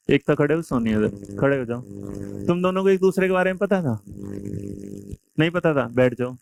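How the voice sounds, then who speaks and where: A male teacher from India giving a classroom lecture, quizzing and teasing his students. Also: fairly high pitch. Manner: lively, quizzes and teases students.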